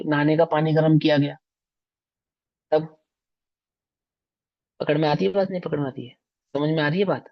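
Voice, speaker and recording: A man teaching scripture in a lecture, pressing his points hard and turning again and again to his listeners with rhetorical questions. The recording sounds somewhat dull and lo-fi. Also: a little high. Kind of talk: religious discourse lecture.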